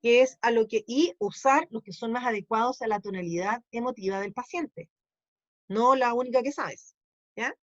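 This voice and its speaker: A woman's voice: a little high, normal speed, no echo, lo-fi sound. A woman teaching a class, explaining patiently and checking in often with questions. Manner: explanatory, asks ¿sí? to check understanding.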